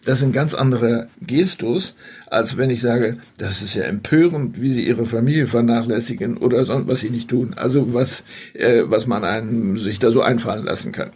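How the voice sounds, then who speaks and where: A man speaking as a podcast guest, measured and reflective, with frequent hesitations. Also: medium pitch, a little mellow, slightly rough. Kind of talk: reflective conversational podcast talk.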